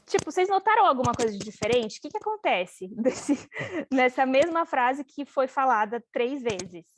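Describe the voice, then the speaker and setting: A woman's voice: sits high, expressive, normal speed, slight background noise. A Brazilian woman leading a casual training workshop, chatty and informal, full of fillers and quoted asides. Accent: Brazilian Portuguese.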